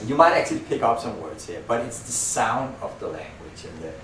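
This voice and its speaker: A man's voice: fairly low pitch, big pitch swings, brisk, fairly bright tone. A man with a Danish accent giving a rambling, self-deprecating introduction to a poem at a party, with many fillers and restarts. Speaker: musician introducing a poem reading. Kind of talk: informal spoken introduction at a party. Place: room at a party. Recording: echoey room, distant mic, faint hiss.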